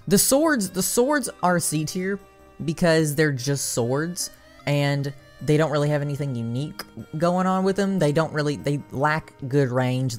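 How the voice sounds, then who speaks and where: A tired-sounding gaming creator talks loosely through a tier list, stumbling over restarts and fillers before getting suddenly excited. The pitch sits in an ordinary middle range, and soft music plays faintly underneath. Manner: rambling and filler-heavy, with restarts and bursts of excitement. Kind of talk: casual tier-list commentary.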